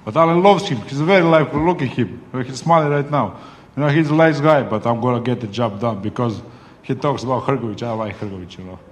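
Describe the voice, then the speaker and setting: A man's voice: medium pitch, fast, slight background noise. A man speaking as a boxer at a heated press conference, combative and swearing, often calling his rival "brother". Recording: echoey hall.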